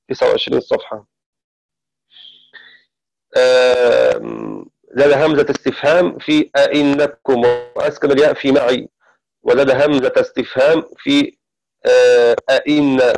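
Guy teaching quran readings to a class, steady and explanatory, middle-pitched voice, backs up to fix himself. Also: creaky, poor audio. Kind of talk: methodical classroom lecture.

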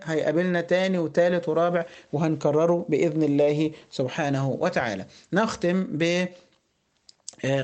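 A man with an Egyptian Arabic accent teaches tajweed, the rules of Quran recitation, reciting slowly and stretching out his words. His voice is fairly high and a bit mellow, and he explains patiently while posing rhetorical questions.

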